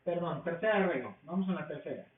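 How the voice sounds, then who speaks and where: A man teaching a language class, explaining rules slowly and asking questions that he answers himself. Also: a little high, lively intonation. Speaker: English teacher. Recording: tinny, echoey, from far off the mic.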